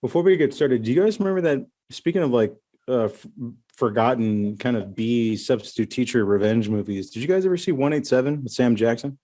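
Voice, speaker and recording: A man's voice: mid-range voice, fairly quick, mellow. A man co-hosting a casual comedic podcast chat, laughing often and swearing freely. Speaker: podcast co-host.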